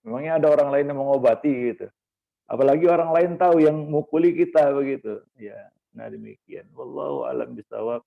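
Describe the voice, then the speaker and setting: Gravelly-voiced man preaching over a tinny line. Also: medium pitch, brisk. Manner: homely, teasing asides with laughs and fillers. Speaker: ustaz giving a parenting talk. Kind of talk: Islamic study talk to fathers. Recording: lo-fi phone-like recording.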